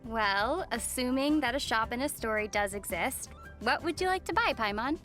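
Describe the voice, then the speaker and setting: Lumine, high-voiced young heroine. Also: female voice, expressive, moderate pace, a bit bright. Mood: lightly curious. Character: young female traveller heroine, gentle and thoughtful. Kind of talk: video game voice acting. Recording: music behind the voice.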